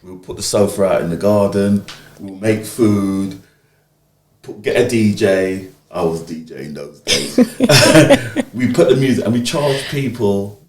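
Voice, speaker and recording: A man's voice: lowish voice, a little slow, noisy background. A man in his fifties from the UK, telling stories in an interview and acting out the voices of the people he quotes. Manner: animated, acts out quoted speech. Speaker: interviewee, community organiser. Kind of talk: conversational storytelling. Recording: echoey room.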